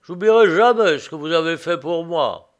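A man voicing a rough, blunt condemned prisoner who talks in coarse working-class speech. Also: fairly high pitch, animated, normal speed, dull audio, voice pushed up, lightly acted. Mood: relieved.

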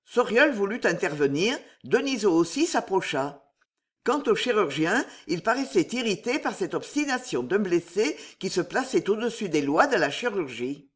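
A woman narrating a classic novel with expressive, animated delivery. Her pitch moves a lot, rising and falling through each sentence. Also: normal speed. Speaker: audiobook reader.

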